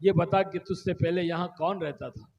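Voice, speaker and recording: A man doing a calm wise fakir. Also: high voice, normal speed, lightly acted. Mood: questioning. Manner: calm, questioning. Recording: echoey hall reverb.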